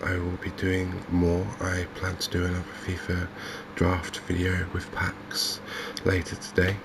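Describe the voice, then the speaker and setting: A deep-voiced man from England hosts a gaming video, offering soft-spoken, hesitant, unhurried ASMR-style gameplay commentary. A clear, steady background noise runs through the recording.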